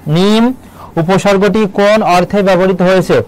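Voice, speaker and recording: A male tutor leads an exam-prep lesson in a fairly high voice. He breaks each answer down step by step and keeps tossing quick questions to his students. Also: steady tone, low-quality recording. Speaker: admission test tutor.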